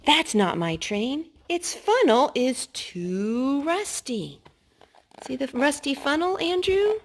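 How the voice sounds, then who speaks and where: In a high-pitched voice and a slow pace, a woman animatedly reads picture books aloud to small children. She leans on important words and prompts them with questions, with a little background noise present.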